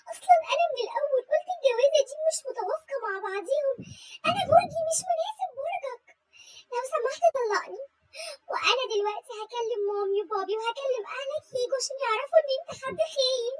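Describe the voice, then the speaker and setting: Woman doing a hysterical young wife, Egyptian accent, sobbing and shouting, very high voice, comedy sketch. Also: no room sound, low-quality recording. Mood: furious. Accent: Egyptian Arabic. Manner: sobbing, wailing, shouting into the phone. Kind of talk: comedy sketch role-play.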